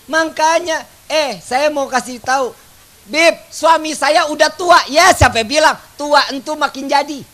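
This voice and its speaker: High-voiced joking male preacher. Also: a little slow. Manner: joking, loud call-and-response with the crowd. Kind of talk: humorous religious sermon. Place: outdoor religious gathering.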